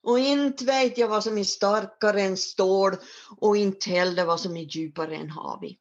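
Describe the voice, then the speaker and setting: A woman's voice: mid-range voice, natural voice. A fearful poor father halts and stumbles as he explains his trouble, voiced by a woman telling the tale. The sound is dull and lo-fi. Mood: worried.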